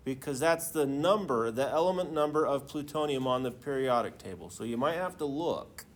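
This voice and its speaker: A man's voice: medium pitch, lively intonation, moderate pace, a little hiss or hum. A man teaching a class in the manner of a professor lecturing, informal and often checking in with students through questions.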